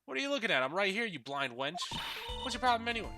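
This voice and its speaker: A man's voice: high-pitched, big pitch swings, very fast, over music, voice pushed up. A man voicing an abrasive, pompous, foul-mouthed ventriloquist's puppet in a video game. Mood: belligerent. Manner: belligerent, insulting, pompous. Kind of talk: video game character voice-over read.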